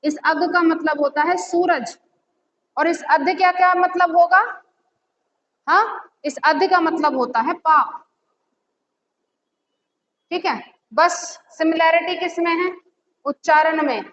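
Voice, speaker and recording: A woman teacher giving a lesson, asking questions and answering them herself, repeating key words slowly. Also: very high voice, fairly bright tone. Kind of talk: classroom lesson. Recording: echoey, slightly dull audio with faint noise.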